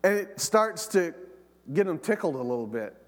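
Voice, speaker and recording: A man preaching a sermon as pastor, praying and telling stories, animated, often repeating words and asking the congregation questions. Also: sits high, normal speed, big-room sound. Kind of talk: sermon with prayer and storytelling.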